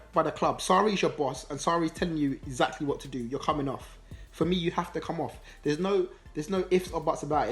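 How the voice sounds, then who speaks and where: A man giving a casual, animated match review, with many ums and restarts. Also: fairly high pitch. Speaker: football channel host.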